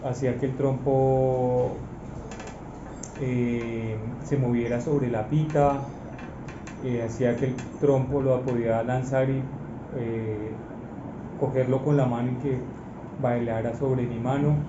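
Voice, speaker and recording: A Colombian man in his forties answering interview questions about his childhood, pausing often with fillers. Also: mid-range voice, flat delivery. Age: 40s. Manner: hesitant, many "eh" fillers. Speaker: interviewee, father. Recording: echoey room, muffled, noisy.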